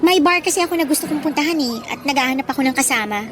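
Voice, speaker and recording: A woman with a high, slightly bright voice plays a pushy, vain, slangy college girl in a radio drama, with soft music behind her. She sounds sassy and teasing, cajoling in slang and drawing out her words.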